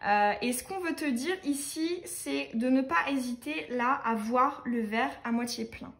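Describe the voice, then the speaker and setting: A young woman doing a casual tarot reading, speaking fast with many fillers and restarts. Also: high voice. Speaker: tarot reader.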